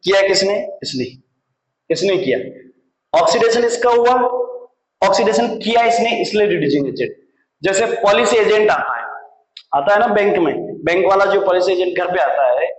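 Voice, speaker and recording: Male chemistry teacher, high-pitched, drills terms by question and answer; roomy classroom sound. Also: animated, normal speed, pauses often. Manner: asks the class questions and answers them himself, repeating key terms. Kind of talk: classroom lecture. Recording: echoey classroom.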